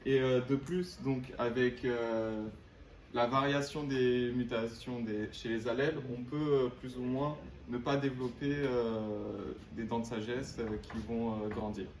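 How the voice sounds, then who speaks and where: Distant, roomy young man explaining haltingly. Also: mid-range voice, fairly even intonation. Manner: halting, searching for words. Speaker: student presenter. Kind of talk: explanatory student presentation. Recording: roomy, distant mic, faint noise.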